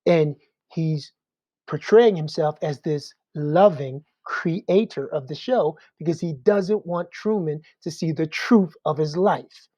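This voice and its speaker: A man's voice: a little high, slow, warm tone, dry recording, highs cut off. A man teaching an adult Sunday school class in a conversational way, often checking in with rhetorical questions.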